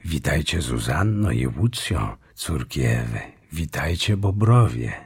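A man reading a majestic lion king in a deep, rich, solemn voice, slow and grave. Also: very animated, darkish tone, breathy edge, dry recording, studio quality, exaggerated voice. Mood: solemn greeting.

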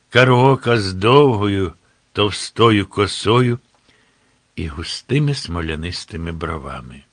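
A man narrating a historical tale in a steady, descriptive storytelling manner. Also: lowish voice, no echo.

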